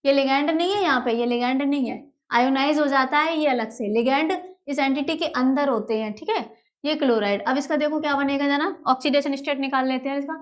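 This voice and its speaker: A woman's voice: high-pitched, a little fast. A woman explains chemistry step by step at a whiteboard. She addresses her students fondly as "beta", repeats each key term several times, and poses a question before answering it herself. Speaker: chemistry teacher.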